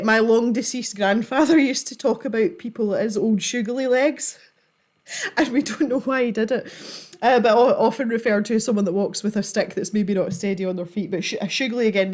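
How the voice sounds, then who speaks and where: A giggly woman with a Scottish accent, chatting informally as she hosts a livestream. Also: a little high. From Scotland. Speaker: livestream host. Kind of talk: casual chat to a live audience.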